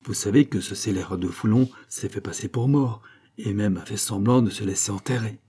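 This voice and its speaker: A man's voice: on the low side, fairly quick, mellow, slightly rough. A man reading an audiobook, voicing an eager young peasant patriot who talks with breathless insistence. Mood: excited.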